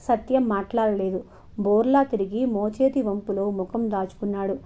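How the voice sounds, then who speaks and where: A woman narrating an audio novel in a measured, even storytelling manner. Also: medium pitch. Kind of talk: scripted narration. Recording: dull lo-fi recording.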